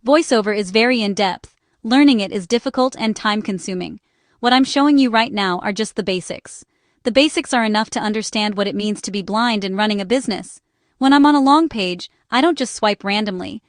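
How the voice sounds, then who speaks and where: Reading a little fast, a woman with a medium-pitched voice narrates a scripted accessibility explainer in short, instructional phrases. She's a small business owner, and the clean studio recording has no echo.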